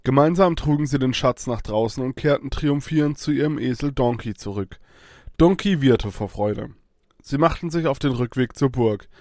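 A man calmly narrating a children's fairy-tale adventure. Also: medium pitch, normal speed, dry recording, clean studio sound. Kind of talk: children's story reading.

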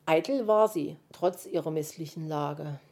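A woman reading a children's animal story aloud, narrating lively. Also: low-pitched, measured pace. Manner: lively narration, many voices.

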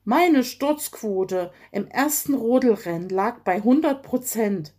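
A woman's voice: a little high, lively intonation, slow, darkish tone. A woman voicing a proud, grumpy male fox who growls and sulks in a children's audio story. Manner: grumbling, sulky.

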